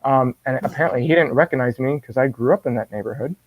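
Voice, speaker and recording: A man guest telling a personal faith story in an animated way, often restarting and repeating words. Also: mid-range voice, fast talker, no echo. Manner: animated, acts out his own quoted words. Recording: dull dry lo-fi sound.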